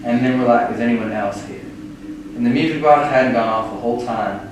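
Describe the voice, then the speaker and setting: A man excitedly retelling a ghost hunt to friends, acting out what he said, recorded from far off in an echoey, noisy room. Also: medium pitch, a little fast. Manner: animated retelling, acting out his own quotes. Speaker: ghost hunting host. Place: old house at night.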